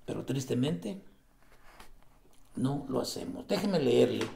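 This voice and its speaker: A man preaching a sermon, swinging between loud exclamations and hushed emphasis. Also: mid-range voice, lively intonation, slow pace, vocal fry, slight background noise.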